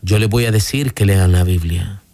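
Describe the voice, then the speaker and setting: A man's voice: normal speed, dry recording, studio quality. A man voicing a sly, patient male demon who tempts people to put things off. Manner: calm, sly and low.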